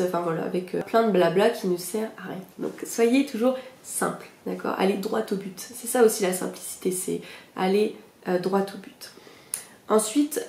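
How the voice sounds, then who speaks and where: A woman's voice: medium pitch, warm tone, reverberant. A young woman hosting a podcast, explaining a goal-setting method in a casual, chatty way, with many fillers and direct, reassuring asides to her listeners. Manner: chatty, many fillers, self-mocking laughs. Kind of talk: casual spoken lesson.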